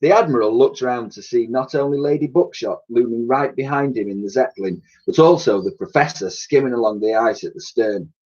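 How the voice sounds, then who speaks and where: A man, a primary school teacher, reading a children's story aloud in a lively way and acting out the sound effects, in a dull, lo-fi recording. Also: medium pitch, brisk, hardly any pauses.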